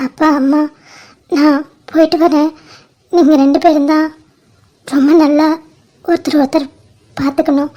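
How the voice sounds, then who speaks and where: A woman voicing a gentle, dutiful young bride in an amateur cartoon, speaking slowly and earnestly. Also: sits high, little pitch movement, close to an everyday voice. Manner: slow, earnest, motherly advice.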